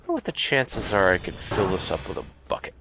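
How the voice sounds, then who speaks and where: A man's voice: low voice, big pitch swings, fast, background noise. A man streaming a game live, chatting casually in an easygoing, rambling way and chuckling often.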